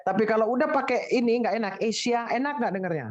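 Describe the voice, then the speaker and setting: A man's voice: extremely high pitch, fast talker. Playful man teaching pronunciation, muffled. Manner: playful, exclaiming, drills students. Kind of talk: teasing casual class instruction.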